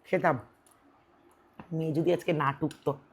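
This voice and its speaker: A woman's voice: sits low, a little slow, husky. A woman in her thirties chatting casually on her home eating show, teasing and bickering playfully. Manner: swings between soft reflective and loud animated. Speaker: mukbang vlogger.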